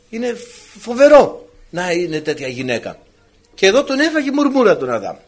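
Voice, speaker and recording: A man preaching a sermon, with a husky voice and a playful, animated manner, acting out the characters. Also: on the high side.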